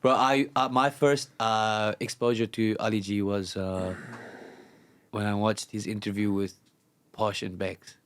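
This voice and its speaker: A man's voice: fairly low pitch, flat delivery, unhurried. A man from South Africa hosting a casual podcast chat, joking, telling stories and laughing often. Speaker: podcast host.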